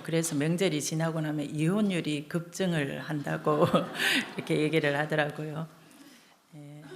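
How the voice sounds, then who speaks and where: A woman pastor preaching a sermon in a warm, conversational way, with a lower pitch than most women. She tells a humorous story before drawing the lesson from it, asking listeners questions along the way.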